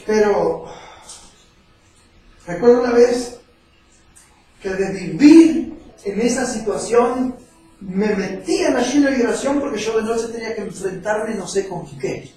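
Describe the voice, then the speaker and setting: High-voiced preacher in an echoey hall. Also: male voice, a little slow, long pauses, mellow. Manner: emotional storytelling preacher, acting out quoted voices. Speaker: evangelist. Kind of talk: sermon with personal testimony. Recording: echoey far-off mic with faint music.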